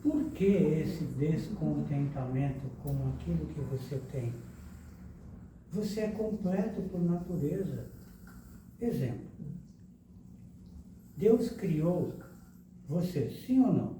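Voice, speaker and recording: A man's voice: fairly high pitch, slow, long pauses, recorded from a distance. A man giving a spiritual lecture, quizzing his audience and joking with them. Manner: lively, questions the audience and jokes. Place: lecture hall. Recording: echoey room, speaker away from the mic, noise behind.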